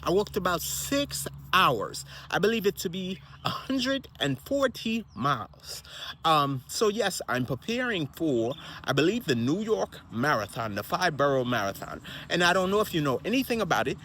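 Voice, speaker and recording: Male minister, rambling and repetitive self-made motivational talk; animated, fairly high voice. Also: moderate pace, a little hiss or hum. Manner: rambling and repetitive, with wandering asides.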